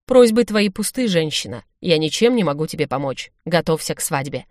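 A woman's voice: sits low, animated, fairly quick, a little mellow, no echo, studio quality. Woman doing a terse orc shaman. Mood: stern. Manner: curt, firm, broken phrasing. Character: stern male orc shaman, terse and grave.

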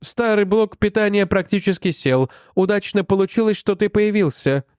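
A man voicing an old, rusty male robot that was just brought back to life, speaking in a steady, explaining way. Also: sits high, normal speed, clear, resonant tone, dry recording, clean studio sound, pitched above the performer's own voice, close to an everyday voice. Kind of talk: audiobook narration.

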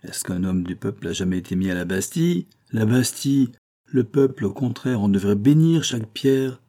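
A man's voice: fairly low pitch, lively intonation, moderate pace, warm tone. A man reading a haughty, scornful prison governor. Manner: disdainful, scornful questioning. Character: haughty, suspicious middle-aged male prison governor.

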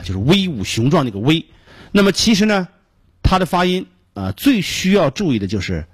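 Husky man teaching pronunciation on radio. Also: mid-range voice, dry recording. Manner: patient, explains step by step, repeats sounds slowly to demonstrate.

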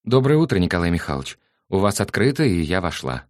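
A man's voice: low voice, sing-song, fast talker, a little mellow, dry recording, studio quality, pitched above the performer's own voice. A man voicing an offended female office colleague in an audiobook, speaking cold and clipped.

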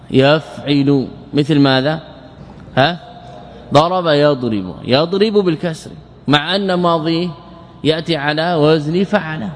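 A man teaching a lesson on Arabic morphology, slowly drilling verb patterns and quizzing his students. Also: a little high. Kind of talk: classroom lecture explaining verse. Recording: hall reverb with faint ambience.

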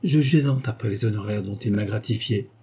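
A man's voice: lowish voice, brisk, dark tone, husky. A man reading aloud, voicing a young head law clerk who speaks in a solemn tone.

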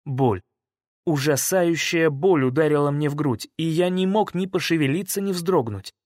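Male audiobook reader, slightly higher voice, dry sound, measured dramatic delivery. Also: darkish tone, no echo. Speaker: audiobook narrator. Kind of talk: first-person audiobook narration.

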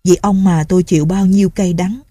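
A woman's voice: lowish voice, steady tone, fairly quick, mellow, no room sound, studio quality, natural voice. A woman doing a humble old male servant. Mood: earnest. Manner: pleading and deferential.

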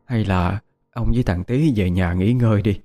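A man voicing an elderly mother gently urging her husband to rest in a storybook tale. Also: lowish voice, normal speed, soft background music, close to an everyday voice. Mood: concerned. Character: elderly mother, worn and caring.

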